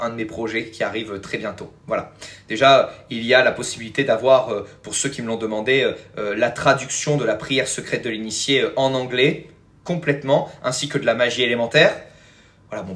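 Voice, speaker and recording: A man's voice: mid-range voice, a bit bright. A man hosting a live stream as a spiritual teacher, chatting casually with viewers and answering their comments, with frequent fillers and a habit of addressing them as friends. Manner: rambling, many fillers and "hein", calls viewers "les amis".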